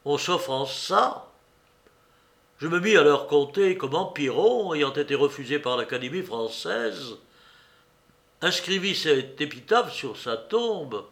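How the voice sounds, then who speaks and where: A fawning older man in an audiobook, as a male reader puts him on. He boasts in a high, whining voice and draws every phrase out slowly. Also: lively intonation, gravelly, a bit bright, exaggerated voice. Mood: sly boasting.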